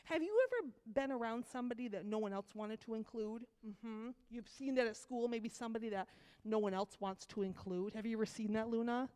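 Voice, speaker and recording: A woman with a cold giving a children's sermon, telling a story to kids with lively asides and questions. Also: fairly high pitch, a little fast, clear, resonant tone. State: has a cold. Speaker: children's message leader.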